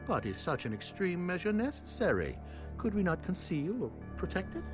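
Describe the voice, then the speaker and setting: Earnest, animated, cautious dignitary. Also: male voice, high voice, normal speed, over music. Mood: concerned. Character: earnest, cautious male dignitary questioning a drastic plan. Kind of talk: video game cutscene acting.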